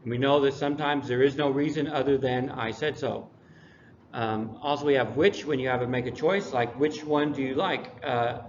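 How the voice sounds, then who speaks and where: A man teaching English and reviewing a textbook unit in a relaxed way, with dry classroom humor. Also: mid-range voice. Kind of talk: recorded lesson review. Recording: dull lo-fi recording, faint noise.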